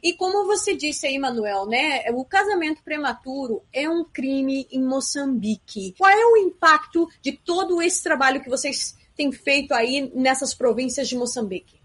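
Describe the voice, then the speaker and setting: A woman interviewer asks polite, direct questions. Her voice sits high. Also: animated, moderate pace, a bit bright.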